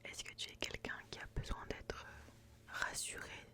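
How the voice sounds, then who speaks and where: Close to the microphone, a woman ASMR host whispers breathily without voicing, gently asking questions in a personality-test roleplay. She goes slowly and soothingly, repeating words and phrases in an intimate way.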